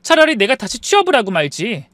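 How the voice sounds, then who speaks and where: A man voicing an upset young wife who argues in a shrill, raised, accusing voice. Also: wildly swooping pitch, quick pace, a bit bright, no echo, full character voice. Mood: angry.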